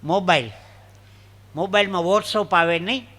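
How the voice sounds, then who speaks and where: A man tells stage jokes and folk stories, slipping into little voices for the people in them. His voice sits high for a man, and his tone is very bright and ringing. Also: measured pace. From Gujarat, India. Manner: animated joke telling with acted dialogue voices. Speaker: stand-up comedian. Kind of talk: live folk comedy storytelling.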